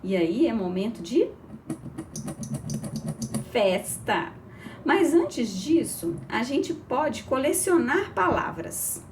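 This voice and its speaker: A woman teaching an early reading lesson to children, encouraging and spelling out syllables slowly. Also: sits high, sing-song, darkish tone, far from the mic, a little hiss or hum.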